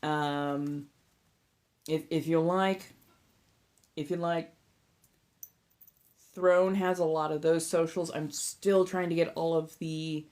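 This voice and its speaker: A woman with a Southern California accent chatting casually and informally to viewers as a livestream host and tarot reader, rambling a little as she goes. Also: deep voice.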